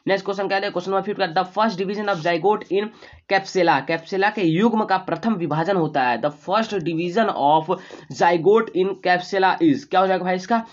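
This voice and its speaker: A man teaching a rapid exam revision lesson. He keeps asking and answering his own questions, reads English questions out slowly, then explains in Hindi. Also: high voice. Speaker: online exam tutor. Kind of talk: fast exam revision lecture. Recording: slightly dull lo-fi audio.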